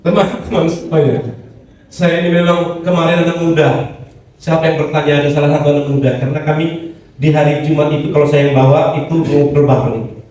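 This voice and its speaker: A man's voice: on the high side, fairly even intonation, fairly quick, a little mellow. A middle-aged man preaching a sermon as pastor, in a joking, conversational way. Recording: echoey hall, distant mic.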